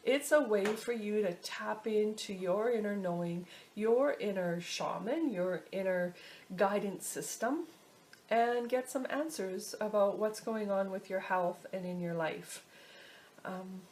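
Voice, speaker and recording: A woman casually teaching a step-by-step technique, often pausing to search for her words. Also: medium pitch, a little mellow, a little hiss or hum. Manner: halting, searching for words as she explains. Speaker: instructor teaching a pendulum technique. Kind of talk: casual instructional video talk.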